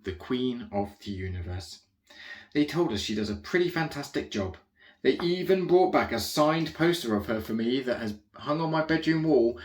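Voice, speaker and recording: Reading a comic children's story aloud in first person, a man with a mid-range, natural voice sounds like he's in a roomy space. He takes on the role of a rambling young alien royal, naive and easily distracted, chattering with self-correcting asides.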